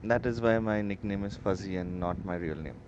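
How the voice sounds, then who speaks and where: A man's voice: low-pitched, brisk, background noise. A man, chatting casually and teasing the characters while streaming a game. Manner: chatty, teasing, switches into Hindi. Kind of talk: casual commentary on gameplay. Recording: dull audio under loud game music.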